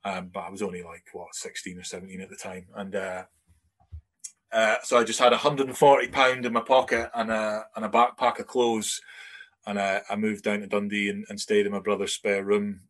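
This is a man from Scotland, in his forties, whose accent shows a few English traces; he's a podcast guest recounting his life in a loose, talkative way. He speaks a little fast in a level, somewhat low voice with a slightly bright tone, and the exchange is relaxed interview chat.

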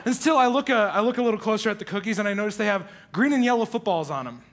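A young man from Iowa speaks from a church stage, his voice pitched high for a man and ringing with a forceful brightness. He jokes about himself and laughs easily as he introduces himself to the congregation. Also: expressive, rapid-fire. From Iowa, USA. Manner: playful, self-deprecating, laughs often. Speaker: church pastoral resident. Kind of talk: humorous self-introduction to a congregation.

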